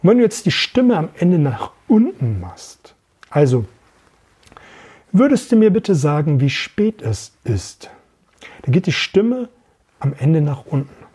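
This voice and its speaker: A man's voice: on the high side, warm tone, husky. A middle-aged man hosting a podcast, talking energetically about sales and voice work, repeating phrases and showing voice techniques. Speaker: podcast host and sales trainer. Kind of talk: casual podcast monologue.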